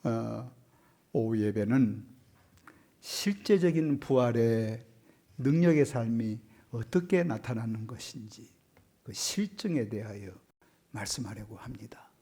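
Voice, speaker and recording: A man preaching a sermon as pastor, rising to loud, urgent appeals and dropping to quiet asides, often asking the congregation questions. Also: mid-range voice, expressive, slow. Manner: swings from loud impassioned preaching to soft hushed asides.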